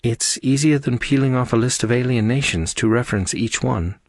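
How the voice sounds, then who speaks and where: A man voicing a brisk, bossy young woman starship officer in an audiobook, giving orders. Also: medium pitch, dry recording, studio quality, voice pushed up, lightly acted. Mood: commanding. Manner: commanding, brisk.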